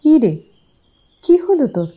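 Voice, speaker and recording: A woman's voice: high-pitched, very animated, measured pace, mellow, muffled recording. A woman playing a playful, bossy young college student in an audio drama, teasing her friend. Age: young adult.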